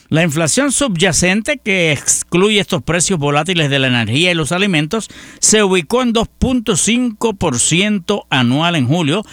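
A middle-aged man from Puerto Rico, speaking with a Puerto Rican Spanish accent, hosts a radio news roundup with personal commentary, chatty and folksy as if talking to friends. His voice is on the high side and a bit bright, in a dry recording.

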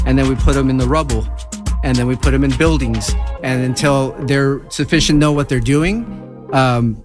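A man from Los Angeles, a fire captain, answering questions as a guest on a radio show, with halting speech full of fillers. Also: mid-range voice. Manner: halting, many fillers, explains step by step. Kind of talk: radio interview. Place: radio studio. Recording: music clearly heard behind.

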